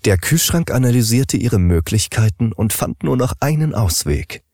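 A man narrating an audiobook in an expressive, wry style. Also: mid-range voice, moderate pace, dry recording, studio quality. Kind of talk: scripted narration.

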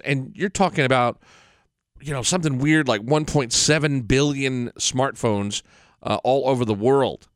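Smooth-voiced man hosting a podcast, close and dry. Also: mid-range voice, a bit bright, no echo. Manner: blunt, opinionated, swears casually. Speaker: podcast host. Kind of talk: casual unscripted solo podcast talk.

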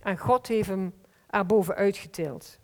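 A woman delivers a sermon in a heartfelt, earnest manner, stretching out important phrases. Her mid-pitched voice carries through a church hall with a long, trailing reverb. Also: a little slow. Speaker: preacher.

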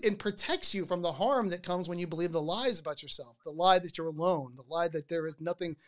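A podcast host telling a story with lively energy, often repeating words as sentences start. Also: mid-range voice, a little fast.

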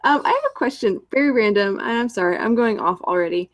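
A woman's voice: on the high side, expressive, quick pace. A woman co-hosting a podcast, chatting casually and asking playful, offhand questions. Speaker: podcast co-host. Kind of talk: casual chat.

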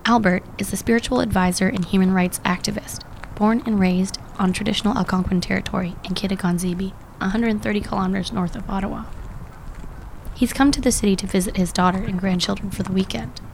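A woman's voice: medium pitch, steady tone, brisk, vocal fry, darkish tone. A woman reporter with a scratchy voice from a cold, explaining a story in conversation. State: hoarse from a cold.

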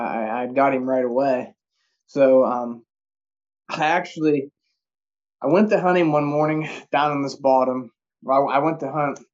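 The audio is dull and lo-fi. A man at a middling pitch. He tells hunting stories casually, rambling along in folksy phrasing. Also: a little mellow. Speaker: deer hunter. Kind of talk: casual storytelling about hunting.

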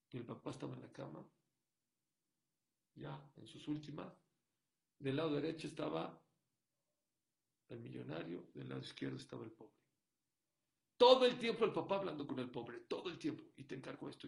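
Man, gravelly voice, sermon storytelling, drops to a hush and then gets loud. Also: medium pitch. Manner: animated storyteller, swings from hushed to loud. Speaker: rabbi.

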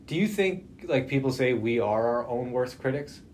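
A man's voice: medium pitch, animated, moderate pace, a little mellow. A man hosting a casual podcast conversation, talking through a face mask so his voice comes out slightly muffled. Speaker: podcast host. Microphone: socially distanced podcast setup. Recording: muffled through mask, noticeable background noise.

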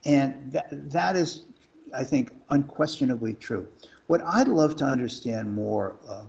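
A man calling in over a clipped, breaking-up phone line, asking a long, halting question with restarts. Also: medium pitch, lively intonation, gravelly, darkish tone. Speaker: call-in guest asking a question. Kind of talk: casual radio call-in.

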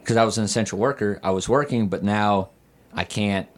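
A man's voice: on the low side, a little fast. A hungover man chatting candidly and casually as a podcast guest, a bit hesitant and rambling.

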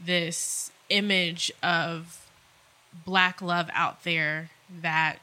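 A woman's voice: lowish voice, little pitch movement, extremely slow, pushed and bright. A woman co-hosting a podcast, talking candidly and reflectively in casual chat, with some swearing. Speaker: podcast co-host.

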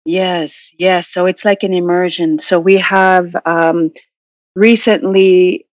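This interview guest, a Nunavut woman who owns a business and is learning Inuit, has a lowish voice and a steady tone, and she takes her time. Her reflective answers come haltingly while she hunts for the right words. It's lo-fi call audio that sounds dull and roomy.

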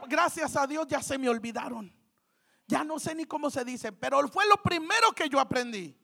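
Give me a fervent woman preacher, bright and slow-paced. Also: extremely high pitch, creaky. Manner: fervent, shouting out refrains, jokey asides. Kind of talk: sermon. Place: church.

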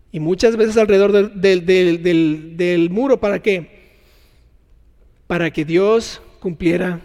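Male preacher, high-pitched and animated, voice ringing in a reverberant hall. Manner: animated, acts out scenes with sound effects. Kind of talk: sermon.

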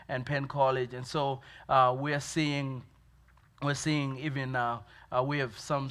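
A man's voice: mid-range voice, fairly bright tone. A man from Zimbabwe with a Zimbabwean accent, a pastor giving a church update with many fillers and restarts.

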